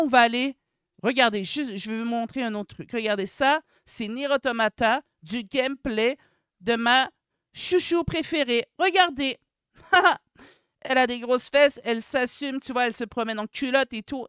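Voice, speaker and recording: A gaming commentator with a Québécois accent, ranting in a comedic video, exaggerated and slangy, swinging between mock sweetness and outrage while addressing viewers as ladies and gentlemen. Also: mid-range voice, normal speed, clean tone, dry recording, studio quality. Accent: Québécois French.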